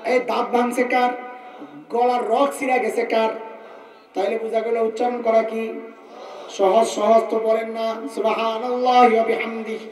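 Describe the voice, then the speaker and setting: A Bangladeshi man delivering an animated Islamic sermon in colloquial Bengali, asking the crowd questions and chanting Arabic verses in a drawn-out sing-song. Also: very high voice. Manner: asks the crowd questions and jokes with them. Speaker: preacher. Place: mosque or large gathering. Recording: echoey, distant mic with faint noise.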